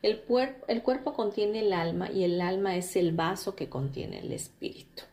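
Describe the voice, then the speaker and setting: A woman's voice: mid-range voice, lively intonation, moderate pace, warm tone. A woman giving an informal religious teaching, speaking directly to the listener with frequent fillers and restarts. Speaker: spiritual teacher.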